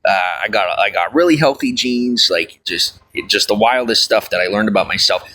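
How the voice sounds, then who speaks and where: A man with a fairly low, sharp-toned voice talks at a moderate pace on a low-quality recording. He's livestreaming, chatting casually with viewers and reading their comments as he rambles along with plenty of fillers and folksy asides. His manner is folksy, and "I'll tell you what" comes up often.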